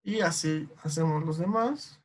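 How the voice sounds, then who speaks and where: In a deep, husky voice, a Mexican woman walks her online class through poetry meter. She takes it slow and patient, often dropping in a quick "ok?" to check on her students.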